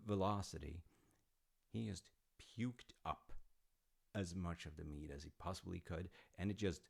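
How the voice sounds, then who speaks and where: In an intimate, conversational roleplay, a man plays an easygoing middle-aged dad telling his grown child Norse myths. His very deep voice has a heavy gravelly creak and a darkish, exaggerated tone. He speaks slowly, drifting into wry, hesitant asides.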